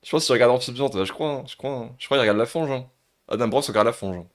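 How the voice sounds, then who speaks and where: Brief: male streamer, live reaction, excitable, laughs a lot, loose casual swearing. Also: medium pitch, fast.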